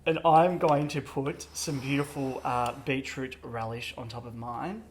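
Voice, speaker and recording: An effusive host chats casually on a cooking show, gushing and quick to laugh. The voice is mid-pitched and relaxed. A faint hiss sits under the kitchen recording.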